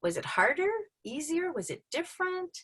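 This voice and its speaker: A woman's voice: high-pitched, sing-song, normal speed, fairly bright tone. Upbeat woman host on a video call. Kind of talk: hosting a virtual Q&A.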